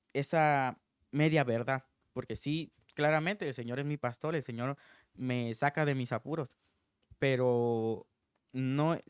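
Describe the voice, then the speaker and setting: A man's voice: medium pitch, clean tone, dry recording, studio quality. A man preaching an informal sermon in an earnest, thinking-aloud way.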